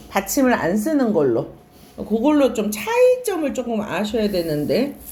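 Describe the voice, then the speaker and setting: Woman teacher, lecture, high voice, lively swooping pitch, asks and answers her own questions. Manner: repeats and stretches key words. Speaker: Korean language teacher. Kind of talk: classroom lecture.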